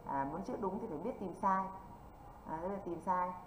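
A woman English teacher from northern Vietnam, running an online exam-prep lesson and constantly checking in with quick rhetorical questions. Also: lowish voice. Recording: echoey, dull lo-fi with faint noise.

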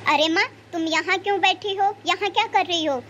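A performer lowering their voice as an impatient grown son. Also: a little fast, fairly bright tone, highs cut off, a little hiss or hum. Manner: exasperated, scolding. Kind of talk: cartoon voice acting.

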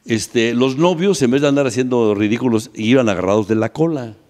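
A man's voice: medium pitch, fairly quick, darkish tone, in a large hall. A man with a Mexican accent, a TV talk show host, rambling playfully in casual studio banter. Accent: Mexican Spanish. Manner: playful, rambling, joking musings.

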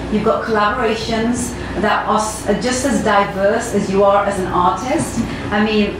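A woman's voice: mid-range voice, fairly even intonation, normal speed. A woman in her forties hosting an interview, effusive and enthusiastic with frequent ums, on a studio set. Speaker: interview host. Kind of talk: conversational interview. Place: studio set with red wall. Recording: echoey room, mic at a distance, audible room noise.

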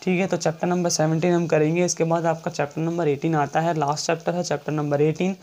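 A man teaching shorthand in a classroom-style lecture, repeating each point and checking in often, and reading English rule text out slowly. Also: on the high side, little pitch movement, a little mellow.

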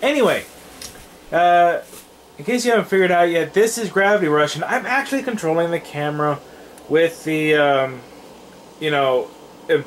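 A man's voice: fairly high pitch, expressive, moderate pace, pauses often, slight background noise. A tired young man hosting a casual let's play, rambling and trailing off with fillers as he comments on the game.

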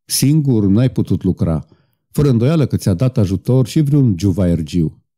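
A man voicing a solemn, patient outlaw leader who speaks calmly and persuasively in an audiobook. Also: fairly low pitch. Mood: gentle. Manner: calm, gentle, persuasive.

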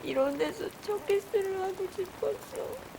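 A woman's voice: extremely high pitch, expressive, a little slow, noisy background, heavily acted. An actress playing a drunk, lovelorn young woman in a romantic comedy film, weepy and silly, slurring and rambling. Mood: wistful. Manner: rambling, whiny, dragging out words. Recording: film scene with music and rain behind.

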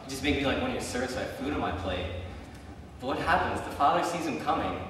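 A man's voice: mid-range voice, lively intonation, fast talker, background noise. Young man preaching in an echoey church. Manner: chatty storytelling with frequent ums and likes. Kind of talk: casual sermon. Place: church sanctuary. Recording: echoey church hall from far off.

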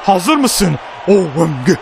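High-voiced man shouting over a wrestling game. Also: sing-song, slow pace, vocal fry, a crowd in the background, noisy background. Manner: trash-talks the opponent, shouts and counts pins. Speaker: gaming channel host. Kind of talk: excited live gameplay commentary.

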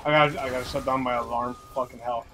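A young man chatting casually with friends over a game, excitable and profane. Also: mid-range voice, fast talker, creaky, a little hiss or hum. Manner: excitable, swears, breaks into laughter. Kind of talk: casual chat.

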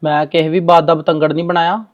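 In a Punjabi family drama, a man plays a touchy, stubborn younger son who argues and sulks in a sullen mood. His voice is fairly high with a level tone and quick pace, close to an everyday voice, with the highs cut off.

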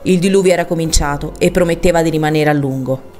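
Low-pitched woman, measured audiobook narrator, quiet music bed. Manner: measured, expressive reading. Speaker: audiobook reader.

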